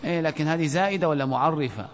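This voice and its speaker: Guy teaching grammar class, fairly high voice, long hall echo, muffled old tape. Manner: questioning students, reciting verse slowly. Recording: dull lo-fi audio with long hall reverb.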